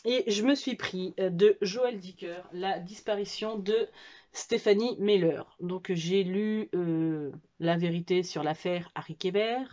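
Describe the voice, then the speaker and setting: A woman's voice: fairly low pitch, measured pace, a little mellow, lo-fi sound. A French woman chatting casually at home about books she bought, hesitant with many fillers and restarts. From France. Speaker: book vlogger. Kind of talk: casual book haul chat.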